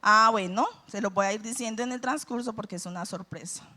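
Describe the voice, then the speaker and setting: A woman's voice: mid-range voice, a little fast, bright, forceful tone. A woman preaching a sermon at a church service, reading scripture and asking her listeners questions in a conversational way. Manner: conversational, asks the congregation questions.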